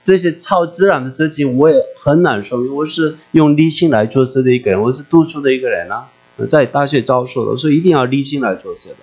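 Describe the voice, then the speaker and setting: Speaking fast at medium pitch, a man delivers an emotional, animated testimony sermon, often putting questions to his audience. A mains hum runs through the dull, lo-fi recording.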